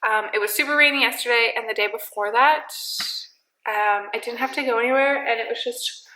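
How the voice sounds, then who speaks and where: A woman's voice: a little high, fairly quick, pushed and bright, echoey room, poor audio. A young woman and mother chatting casually to camera at home by a window, rambling with lots of ums and side remarks. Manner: chatty and scattered, many ums and trailing asides. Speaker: vlogger, mother of two.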